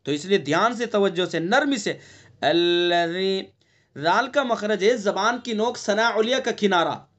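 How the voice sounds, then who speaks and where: A male recitation teacher giving an online lesson, explaining patiently and breaking into long drawn-out chanted recitation. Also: high-pitched, animated, fairly bright tone. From India.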